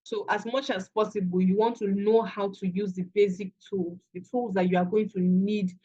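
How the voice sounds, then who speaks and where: A virtual assistant trainer with a Nigerian accent leads a masterclass lecture, chatting conversationally and often beginning her phrases again. She speaks at normal speed with a medium pitch and a steady, dark tone, and the recording is muffled.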